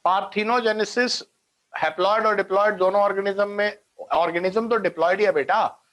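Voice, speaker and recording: A man with a fairly high voice teaches biology in an online class. He explains step by step, drops in English science terms and keeps asking students if they are following. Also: fairly even intonation, a little fast, fairly bright tone.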